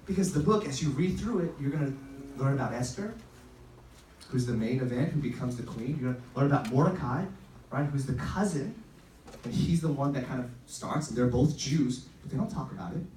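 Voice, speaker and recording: A man's voice: medium pitch, lively intonation, brisk, a little mellow. Upbeat male youth pastor in a roomy space. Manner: upbeat, conversational, acts out quoted lines. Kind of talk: informal youth sermon with storytelling. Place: echoey room, recorded at a distance. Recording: roomy, distant pickup with faint noise.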